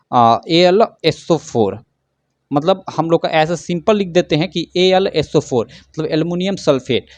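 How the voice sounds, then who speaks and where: A man's voice: high voice, a little mellow, no echo. A man teaching a science lesson at a whiteboard. He explains step by step and keeps asking and answering his own questions. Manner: frequent fillers like "theek hai".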